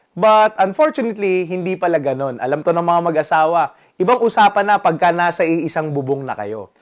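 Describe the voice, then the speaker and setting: Brief: Filipino-accented man in his 30s, motivational vlogger, high-pitched, very expressive storyteller. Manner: animated, mixes English and Tagalog, acts out his own outbursts. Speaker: vlogger giving relationship advice.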